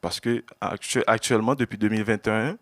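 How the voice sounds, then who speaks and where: A man from Haiti, an exiled journalist giving an earnest personal testimony to an audience, often halting and repeating words. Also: fairly low pitch, steady tone, fairly bright tone, dry recording, clean studio sound. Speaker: exiled journalist speaking at an event.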